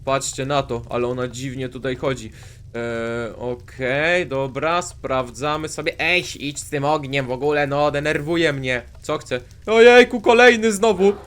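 A man hosting a game video, talking to his viewers with excitable, jumpy outbursts. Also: medium pitch, a little slow, smooth. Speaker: gaming video host. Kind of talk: Minecraft let's play commentary.

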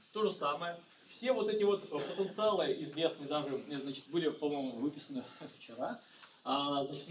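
A middle-aged man lectures on physics and often stops to restart his sentences. His voice sits a bit high. He was recorded from a distance in a reverberant lecture room. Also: slight background noise. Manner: halting, many fillers and restarts. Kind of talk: university lecture at a blackboard. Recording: echoey lecture hall, mic far off.

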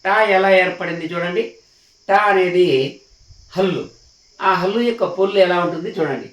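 A patient male teacher with a high voice leads a slow beginners' lesson, repeating each point and checking that learners follow. He sounds set back from the microphone in an echoey room. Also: steady tone, a bit bright, distant mic. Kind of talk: classroom lesson.

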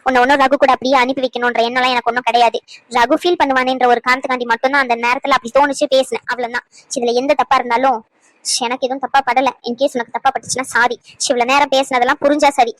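A woman's voice: high voice, fairly bright tone, dry recording, poor audio. A woman voicing cartoon dialogue in an emphatic, scolding, lecturing way. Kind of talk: cartoon voice acting.

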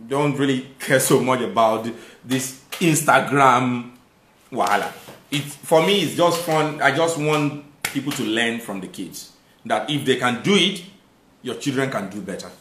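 Hosting a live stream from an echoey room, this man from Nigeria, in his thirties and with a Nigerian accent, reads out comments and thanks his viewers. He uses a medium-pitched voice at a measured pace, making points with lively conviction, with a little hiss or hum audible.

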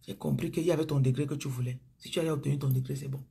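A woman with a Cameroonian accent speaks in a deeply husky, breathy voice. She preaches to her viewers over a phone stream in a chatty way. Her voice often sinks into low murmurs and whispers. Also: fairly even intonation, racing, mellow. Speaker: spiritual coach on a live stream.

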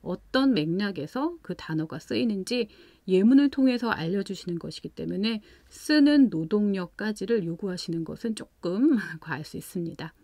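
A woman hosting a parenting channel walks parents through a children's vocabulary lesson. She explains calmly and patiently, step by step, with examples. The sound is close and dry, with no room around it. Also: medium pitch, moderate pace, few pauses, dry recording. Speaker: parenting channel host teaching English at home.

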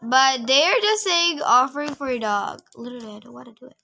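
A woman's voice: high voice, very animated, a little fast, gravelly, pushed and bright. A young woman talking casually while she plays a video game and records it, pleading and exasperated as she begs other players for trades. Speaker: gaming video creator. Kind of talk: casual gameplay commentary.

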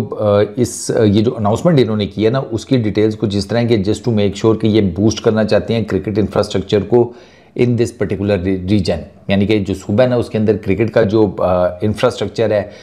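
A man in his 30s hosts casual talking-head sports commentary from a small, furnished indoor studio set, recorded on a lapel mic. He's relaxed and jokey, with a mellow, lowish voice, chatting away, sprinkling in English words and rattling off lists.

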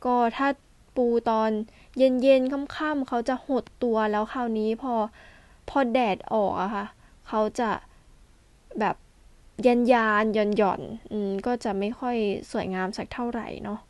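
A woman's voice: on the high side, measured pace, dry recording. A woman farmer explaining in a casual, polite way, step by step, how she prepares a planting field. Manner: polite, explains step by step, adds soft particles. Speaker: farmer demonstrating field work. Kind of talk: casual instructional talk.

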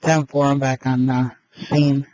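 A police officer, a man, talking in brisk, clipped radio codes over a police radio. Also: mid-range voice, little pitch movement, darkish tone, no echo. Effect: heard over a police radio. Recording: muffled radio with faint hiss.

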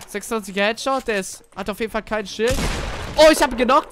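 A man giving casual gaming commentary, excitable and chatty as he plays with a teammate. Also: sits high, fast, background noise. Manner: excitable, swears casually, talks to teammate while playing. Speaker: gamer.

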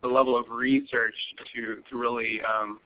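In muffled, lo-fi webinar audio, an American man presenting as a lawyer fields audience questions with care. His medium-pitched voice is flat, at a normal speed, and his answers are full of fillers and restarts.

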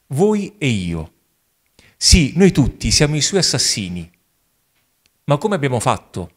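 Anguished madman, read aloud by a priest. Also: mid-range voice. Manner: anguished string of rhetorical questions. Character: frantic male madman crying out about God's death. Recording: long reverb of a large hall.

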